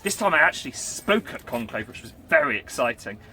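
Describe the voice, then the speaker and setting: A man's voice: mid-range voice, very animated, brisk, pushed and bright, a little hiss or hum. A man chatting casually on his vlog, rambling and playful as he tells a story in character. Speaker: vlogger recounting a live-action role-play event.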